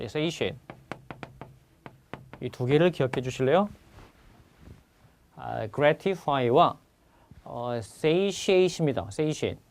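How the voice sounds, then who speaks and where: A man's voice: a little high, a little mellow. A man teaching an exam-prep vocabulary lecture who keeps asking his students questions and repeats each key word.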